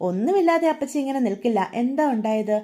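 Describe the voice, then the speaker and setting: A woman voicing a calm young niece who reasons gently with her aunt. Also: sits high, fast. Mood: gentle.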